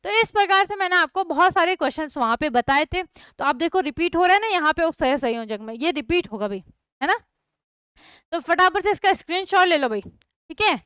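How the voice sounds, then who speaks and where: Her voice is very high-pitched, expressive, and brisk, with a fairly bright tone in a dry recording. The young woman is teaching chemistry online, asking her students questions repeatedly and checking often with "thik hai" that they keep up.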